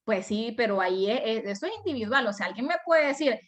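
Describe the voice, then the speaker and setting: A woman's voice: a little high, expressive, fairly quick. A woman from El Salvador with a Salvadoran accent, teaching an online class over a video call. She explains step by step and answers her own rhetorical questions. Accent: Salvadoran Spanish.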